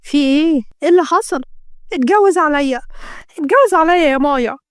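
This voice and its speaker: A woman's voice: very high-pitched, moderate pace, dry recording, clean studio sound, voice pushed up. A woman with an Egyptian accent voicing a jealous rich young woman who speaks agitated and indignant. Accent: Egyptian Arabic.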